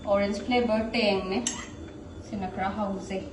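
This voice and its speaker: Very fast-talking woman vlogger. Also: medium pitch, steady tone, background noise. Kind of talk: casual cooking vlog chat. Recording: roomy echo under clear music.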